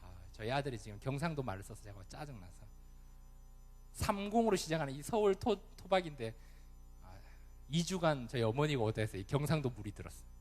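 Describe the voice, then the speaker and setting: Animated preacher with a Gyeongsang accent. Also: male voice, medium pitch, a little fast. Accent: Gyeongsang Korean. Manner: animated preaching, addressing the congregation and acting out quoted thoughts. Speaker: youth pastor. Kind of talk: sermon. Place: church sanctuary. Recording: long church reverb, faint music behind.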